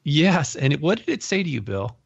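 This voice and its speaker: A man hosting an interview, telling animated personal stories and laughing often as he talks. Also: on the high side, a little fast, gravelly, slightly rough, no echo, lo-fi sound. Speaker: podcast host. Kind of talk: casual interview storytelling.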